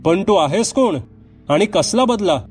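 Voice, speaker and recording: A man's voice: high-pitched, animated, a little slow, faint music behind, voice pushed up. A man voicing a stern older village man who questions a possessing spirit with firm, insistent manner.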